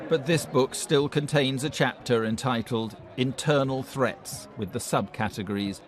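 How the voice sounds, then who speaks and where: A man's voice: mid-range voice, unhurried. A man reading a scripted documentary narration. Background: music.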